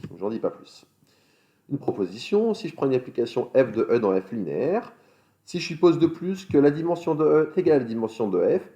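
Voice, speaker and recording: A man teaching a recorded math lecture, explaining step by step, with fillers and quick self-corrections. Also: fairly low pitch, dull audio, noisy background. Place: school in France.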